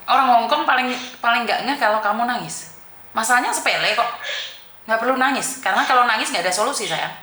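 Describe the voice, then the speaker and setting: A woman's voice: a little high, animated, fast talker, bright, forceful tone, roomy sound. A woman host who gives firm, repetitive advice to a caller in a call-in chat. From Indonesia. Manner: firm, repeats herself, calls the caller "sayang".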